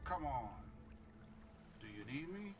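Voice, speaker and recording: Eager soldier, distant and animated. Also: male voice, fairly high pitch, slow. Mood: dutiful, ready. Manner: dutiful short military acknowledgements. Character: eager, loyal male soldier of a human colony. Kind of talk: strategy game unit voice lines. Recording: distant game audio under loud music. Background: video game music.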